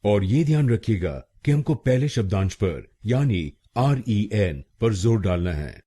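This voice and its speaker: A man's voice: lowish voice, very animated, unhurried, dark tone, husky. A man teaching pronunciation in a scripted lesson, spelling out letters and repeating each syllable.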